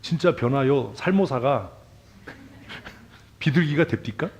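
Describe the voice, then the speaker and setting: A man preaching to his congregation in a church, with a mid-range voice that rises and falls expressively. He talks bluntly and casually, throwing questions at the listeners and jumping between loud emphasis and soft asides. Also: mid-range voice, animated, slow, slight background noise. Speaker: pastor. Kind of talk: sermon. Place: church sanctuary.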